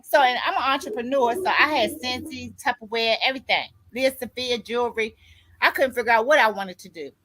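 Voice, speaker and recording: Fairly high and a bit bright, her voice moves along quickly as she gives a motivational speech. She's a grief coach and author in her sixties with a preachy streak, constantly checking on her audience with the refrain "you see what I'm saying."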